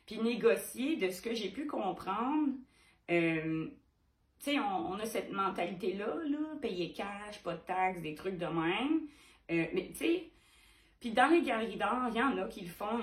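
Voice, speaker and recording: A woman's voice: mid-range voice, animated, a little slow, echoey room. A woman painter with a Québécois French accent, talking frankly and animatedly to her viewers, firing rhetorical questions. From Quebec. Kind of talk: direct-to-camera vlog.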